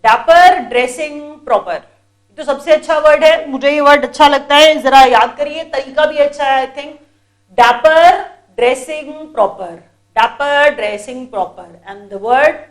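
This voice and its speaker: A woman with a high voice speaks slowly while teaching vocabulary for an exam. She patiently drills every word over and over, calling the students children.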